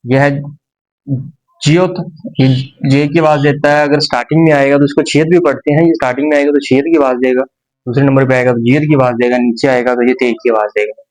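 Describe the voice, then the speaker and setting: Slow, patient man teaching a language. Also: medium pitch, fairly even intonation, a little mellow, poor audio. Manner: slow, patient explanation with pauses and repetitions. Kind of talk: explaining a lesson.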